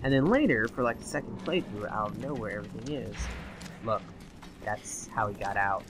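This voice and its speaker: A young man doing let's play commentary, excitable and swearing at the game, his voice going hoarse. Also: fairly low pitch, moderate pace, over music. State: losing his voice. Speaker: gaming channel host.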